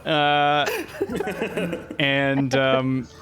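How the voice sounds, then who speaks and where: A man's voice: medium pitch, completely flat delivery, extremely slow, a bit bright. A man casually narrating a tabletop game as game master, improvising hesitantly.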